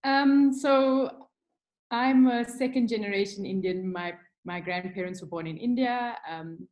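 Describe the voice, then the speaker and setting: Over a video call, a middle-aged South African creative director from Durban chats candidly in a casual webinar. Her mid-range voice is a little slow and a little mellow, and she ums and restarts frequently.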